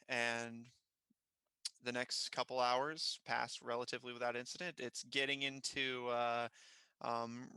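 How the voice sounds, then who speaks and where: A man running a tabletop role-playing game with a bright, crisp voice in a dry, close sound. He improvises his narration haltingly, feeling for words mid-phrase as game master. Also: medium pitch, no echo.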